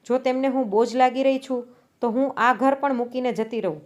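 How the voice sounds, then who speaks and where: A headstrong young wife snaps her words out sharply, proud and quick to anger, as a woman narrator takes her part. The voice sits somewhat high. It is a storybook reading. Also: darkish tone, natural voice. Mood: angry.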